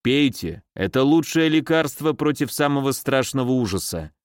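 A man's voice: medium pitch, expressive, moderate pace, no room sound, clean studio sound, close to an everyday voice. A man voicing a sly, mischievous male footman in an audiobook. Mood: smug. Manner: sly, teasing.

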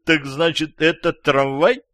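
A man's voice: fairly high pitch, fairly even intonation, unhurried, a bit bright, no room sound, pitched above the performer's own voice. A sarcastic, gloating man, voiced by a male narrator in a storybook reading. He sounds scornful and biting, with a dry, close sound. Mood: mocking, angry. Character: angry mocking man, jealous lover.

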